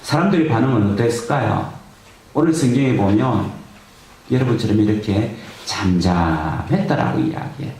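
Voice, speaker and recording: A man's voice: fairly low pitch, expressive, normal speed, darkish tone. A male pastor preaching a sermon in a conversational way, asking his congregation rhetorical questions. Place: church sanctuary. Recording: echoey church hall, faint noise.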